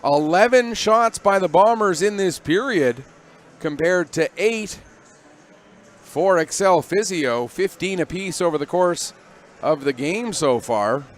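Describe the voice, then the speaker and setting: Brisk man calling hockey play-by-play. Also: high-pitched, expressive. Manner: brisk running play calls, rising when the action peaks. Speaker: play-by-play commentator.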